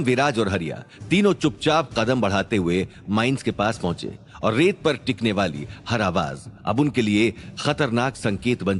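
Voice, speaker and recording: A man's voice: mid-range voice, slight background noise. A man narrating a suspense story in a scripted, dramatic storytelling manner.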